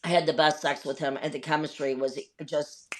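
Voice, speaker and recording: A woman in her fifties with a low voice and fairly even intonation hosts a casual chat at a brisk pace, over slight background noise. She tells stories candidly, swearing often and rambling with lots of fillers.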